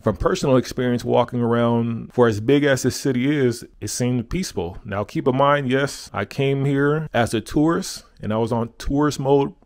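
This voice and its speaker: A man's voice: medium pitch, moderate pace, few pauses, darkish tone. A man talking casually in a travel vlog, laid-back and chatty with playful asides. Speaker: travel vlogger.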